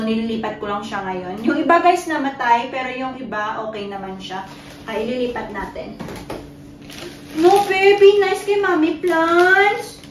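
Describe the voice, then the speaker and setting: A high-pitched woman, talking slowly and chattily in a home garden vlog. She mixes Tagalog and English and coos at her toddler. Her voice sounds roomy and a bit far from the mic, with faint background ambience. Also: slight background noise. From Philippines. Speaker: mother vlogger.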